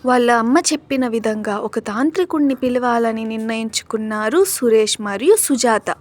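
A woman narrating a scripted cartoon story in an even storytelling manner. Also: on the high side, brisk.

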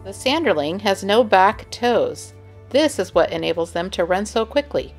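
A woman giving calm, informative scripted narration for a nature vlog, gently enthusiastic as she explains. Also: mid-range voice, normal speed, soft background music. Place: voice-over, not recorded on the beach.

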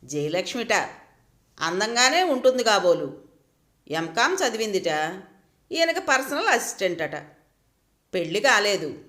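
A woman's voice: medium pitch, sing-song, measured pace, pauses often, a bit bright, roomy sound. Woman reading a resigned, reasoning wife. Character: hurt but composed married woman.

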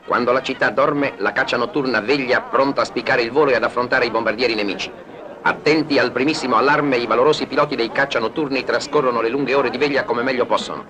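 A man's voice: medium pitch, steady tone, fast talker, a bit bright. A man narrates a wartime newsreel in a formal, declamatory, scripted style. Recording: noisy 1940s archival newsreel soundtrack.

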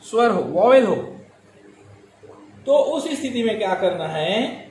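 A male teacher explaining English grammar slowly, repeating key words and drawing out his examples. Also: sits high, expressive, a little mellow. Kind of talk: grammar lesson. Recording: echoey room with faint ambient noise.

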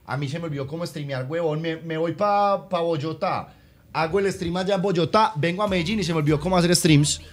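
A young man from Colombia with a Paisa accent, chatting excitably on a home live stream, swearing and teasing. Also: a little high, brisk. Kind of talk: casual live-stream chat.

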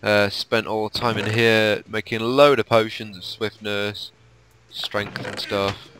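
Sleepy, croaky man. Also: on the low side, flat delivery, measured pace, a bit bright, a little hiss or hum. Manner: chatty, tour-guide rundown with fillers. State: sleepy, croaky late-night voice. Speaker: let's play co-host. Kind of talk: casual gameplay commentary.

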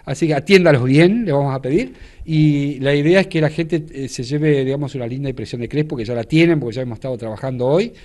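A man's voice: medium pitch, quick pace, a little mellow. A man, a church leader explaining an event in a TV news interview, with many fillers and restarts. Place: indoors in front of a studio backdrop.

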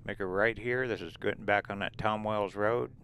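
A man with a lowish voice vlogs about RV travel at a normal speed from inside a vehicle on desert roads. Relaxed and rambling, he narrates casually and points out the sights, with a little hiss or hum in the audio.

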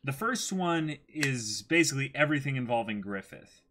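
A man in his twenties reads a manga aloud dramatically, breaking off to chat casually about it as the host. His medium-pitched voice is expressive, pushed and bright, at a normal pace, with slight background noise. He's in a small indoor room with a plain backdrop.

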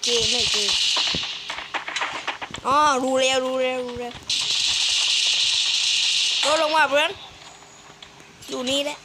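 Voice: sits high, steady tone, slow, long pauses. A gamer giving casual gameplay commentary in short, slangy, muttered reactions. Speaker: gamer commentating while playing. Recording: very noisy home gaming recording.

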